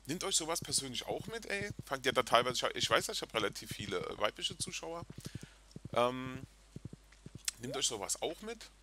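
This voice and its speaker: A chatty, excitable man hosting a video game let's play and talking casually to his viewers. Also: medium pitch, background noise. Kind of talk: casual gameplay commentary. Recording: game music in background.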